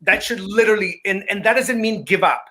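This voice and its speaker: A man's voice: high-pitched, a little fast, pushed and bright. A man speaking as a guest in a conversational talk, earnest and emphatic, often repeating words as he starts a sentence.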